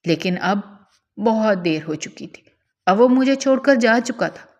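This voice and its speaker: A woman's voice: a little high, lively intonation, lo-fi sound. A woman telling an emotional first-person story about her own household, in a dramatic, tearful way. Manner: dramatic, tearful delivery of a domestic tale.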